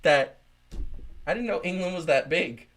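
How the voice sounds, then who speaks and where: A man's voice: a little high, lively intonation, measured pace, fairly bright tone. Rambling casual podcast host, a man. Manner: rambling, many fillers and restarts.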